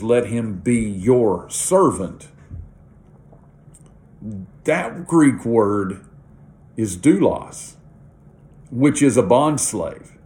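A man's voice: lowish voice, warm tone. A man hosting a morning devotional podcast, talking through a Bible passage in an earnest, conversational way with light laughs.

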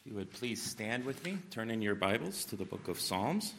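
Male worship leader, somewhat low voice, measured emphatic scripture reading at a pulpit microphone in church. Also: sing-song, fairly bright tone, a little hiss or hum. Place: church sanctuary.

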